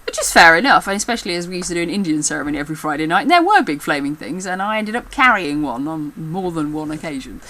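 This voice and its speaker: Chatty Midlands woman, bright voice. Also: deep voice, very animated, quick pace, few pauses, low-quality recording. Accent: English Midlands. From English Midlands. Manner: chatty, rambling, laughs often. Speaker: vlogger. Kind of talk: casual chat to camera. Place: room at home. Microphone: camera mic.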